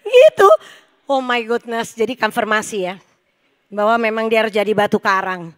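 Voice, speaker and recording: A middle-aged woman delivers a church sermon in a high, light voice. She tells her stories in a lively, playful way, with jokes for the congregation. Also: brisk. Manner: lively, joking storytelling with the congregation. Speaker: preacher. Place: church service.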